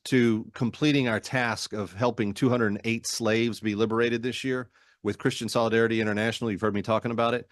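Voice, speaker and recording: A middle-aged American man delivers a talk radio monologue. He is emphatic, leaning on short, punchy statements and repeating key phrases. His mid-pitched voice sounds dry and close. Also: no room sound. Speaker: radio talk show host. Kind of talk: political monologue and promotional appeals.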